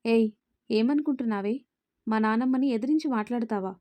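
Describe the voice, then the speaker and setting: A woman's voice: on the high side, a little fast, warm tone, dry recording, close to an everyday voice. A woman voicing a young man, a stern boss who scolds in a commanding way in a spoken storybook.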